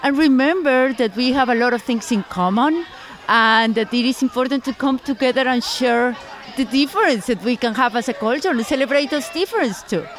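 A woman's voice: sits high, fairly quick. A woman speaking thoughtfully in an interview soundbite.

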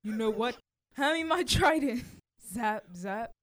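A woman's voice: fairly high pitch, animated, takes it slowly, dry recording, studio quality. A woman voicing a stern merman king who defers to his wife, in improvised comedy. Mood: imperious. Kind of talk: improvised comedy role-play.

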